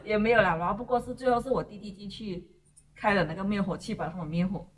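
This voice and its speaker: A woman's voice: medium pitch, fast. A woman chatting casually and laughing often as she tells a story. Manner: laughs often while telling stories. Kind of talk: casual chat. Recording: distant mic with crowd noise behind.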